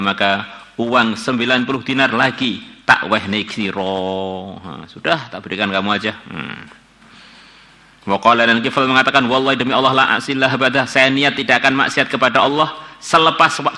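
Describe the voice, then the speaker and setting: Bright-voiced preacher. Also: male voice, medium pitch. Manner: reads Arabic lines aloud, then explains in casual speech with Javanese words. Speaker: Islamic preacher teaching a classical text. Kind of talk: sermon reading and explaining Arabic hadith in Indonesian.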